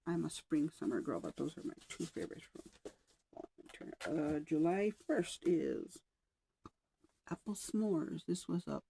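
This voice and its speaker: A woman vlogger chatting casually at home, rambling a little with sighs and soft asides, slightly out of breath. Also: fairly low pitch, gravelly, breathy edge, low-quality recording. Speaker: wax melt vlogger. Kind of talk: casual chat. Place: home room with oil diffuser.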